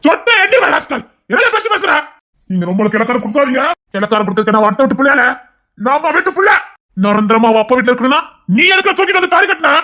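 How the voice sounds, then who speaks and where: A man playing a hot-tempered, sharp-voiced husband. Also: very high voice, rapid-fire. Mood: angry. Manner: sharp, commanding, threatening. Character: hot-tempered young husband, stern and scolding. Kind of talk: audio drama acting.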